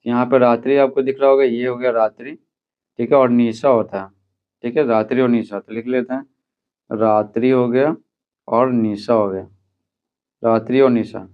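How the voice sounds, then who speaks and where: A man's voice: medium pitch, steady tone, moderate pace, long pauses. A man teaching a school lesson, explaining step by step and checking in with his students often. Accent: Hindi. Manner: repeats "theek hai" often, explains step by step. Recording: tinny phone-like sound.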